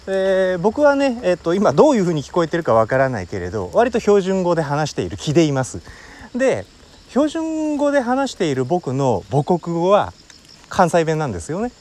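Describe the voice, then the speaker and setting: A man from Wakayama hosting his own talk show at his family home, explaining in an unhurried way as he thinks aloud. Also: high-pitched, wildly swooping pitch, darkish tone. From Wakayama, Japan. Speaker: podcast host. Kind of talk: casual solo talk.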